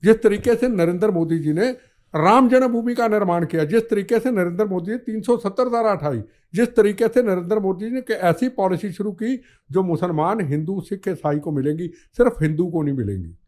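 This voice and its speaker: An older man talks with heat and fire, building each point through insistent repetition. His voice sits high for a man. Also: expressive, a little fast, a little mellow. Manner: fiery, declamatory, repetitive rhetoric. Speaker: podcast guest, former minister. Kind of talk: impassioned political talk.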